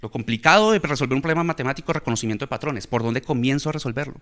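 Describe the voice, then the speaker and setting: A man talking through ideas on learning and games in a relaxed conversational way, often checking in with his listeners. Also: medium pitch, rapid-fire. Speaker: guest speaker on education. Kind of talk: conversational talk.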